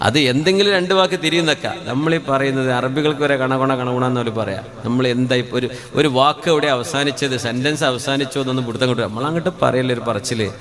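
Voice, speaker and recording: A man's voice: medium pitch, fast, hardly any pauses, crowd noise. A male Islamic preacher, giving a sermon in a conversational, questioning way and chanting short Arabic phrases in a melodic tone. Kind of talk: Malayalam religious sermon. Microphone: microphone.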